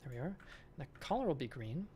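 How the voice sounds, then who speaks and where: A man's voice: mid-range voice, sing-song, fast, warm tone, a little hiss or hum. A man streaming as a game developer, chatting casually with viewers and thinking aloud while he works. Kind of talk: casual live-stream chat while working.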